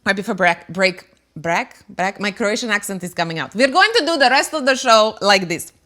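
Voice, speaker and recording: Bright and forceful, with a mid-range pitch and lively intonation, a middle-aged woman hosting a talk show opens up candidly to her audience about her life. She speaks at a normal speed, emotional and earnest, with frequent fillers.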